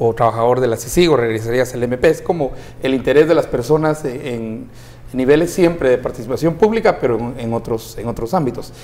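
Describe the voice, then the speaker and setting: A man on a TV panel who poses questions to a guest in a deliberate, careful way. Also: medium pitch, darkish tone. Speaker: panel analyst. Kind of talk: TV panel interview. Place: TV studio.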